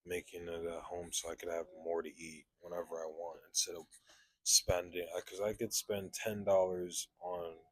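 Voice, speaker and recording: A man's voice: sits low, little pitch movement, moderate pace, dry recording. A young man hosting a podcast, chatting casually with lots of profane slang. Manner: laid-back, profane slang. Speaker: podcast host.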